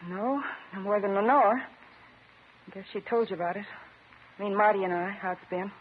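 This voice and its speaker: An old-time radio drama heroine played by a woman, a married woman anxiously defending her lover. Her medium-pitched voice is earnest, wounded and dramatic. The vintage recording is dull, with faint noise. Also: moderate pace, natural voice. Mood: guarded, confessing.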